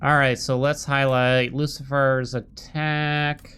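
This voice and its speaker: Speaking slowly and with little pitch movement, a man in his thirties narrates his video game stream in a loose, slangy way, swearing as he goes. His medium-pitched voice has a fairly bright tone, and slight background noise mixes with the game music behind him.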